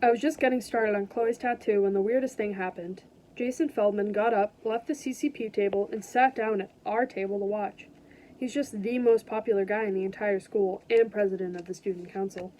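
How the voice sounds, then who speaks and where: A woman teacher reading a book aloud to her students from home, then talking to them gently. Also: medium pitch, steady tone, fairly quick, slight background noise, poor audio. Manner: gentle, caring sign-off to students.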